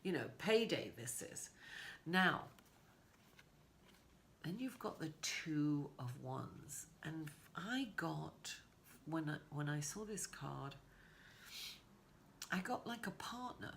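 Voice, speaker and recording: A low-voiced woman, raspy and hoarse with a cold, gives a tarot reading. She talks casually and wanders into informal asides. There is some faint noise in the recording. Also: animated, takes it slowly, long pauses. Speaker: tarot reader giving a weekly horoscope reading.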